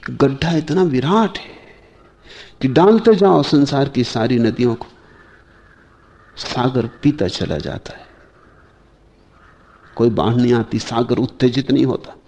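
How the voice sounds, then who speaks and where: A man giving a slow, measured spiritual discourse, pausing often and asking his listeners rhetorical questions. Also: medium pitch, lively intonation, a little mellow. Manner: slow, measured delivery with long pauses. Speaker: spiritual teacher.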